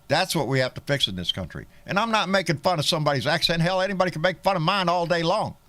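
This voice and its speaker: A man's voice: fairly high pitch, lively intonation, quick pace, pushed and bright, dry recording. A man with a Texan country twang hosting a live political chat show, folksy and profane, often restarting his sentences. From Texas. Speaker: host.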